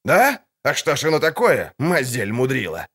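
A man's voice: mid-range voice, wildly swooping pitch, normal speed, fairly bright tone, husky, pitched above the performer's own voice, heavily acted. A man voicing a boastful, crude male fairground showman with folksy huckster patter in an audiobook. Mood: indignant. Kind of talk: audiobook character voice.

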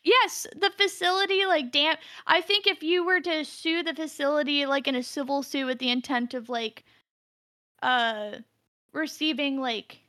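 A woman co-hosting a casual podcast chat with a high, bright voice. She rambles and restarts her thoughts often, recorded close and dry. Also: steady tone, moderate pace, no echo. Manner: rambling, full of fillers and restarts. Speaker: podcast co-host.

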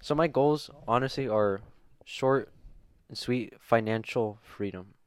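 A man's voice: medium pitch, measured pace, clean tone, no echo. A young man co-hosting a podcast, talking casually and rambling with lots of fillers. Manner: laid-back, rambling, heavy on fillers. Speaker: podcast co-host. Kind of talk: casual chat.

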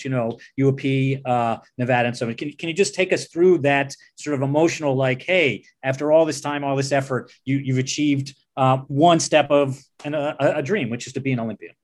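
A man co-hosting a sports interview, asking long, rambling questions with repeated words. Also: medium pitch. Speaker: co-host.

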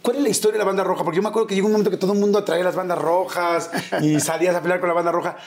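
A man hosting an interview, asking questions in a relaxed, chatty way. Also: high voice, racing. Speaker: interviewer, host.

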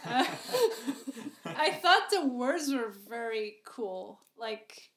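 A woman's voice: a little high, lively intonation, slow, a bit bright. Laid-back woman, casual chat. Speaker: podcast guest.

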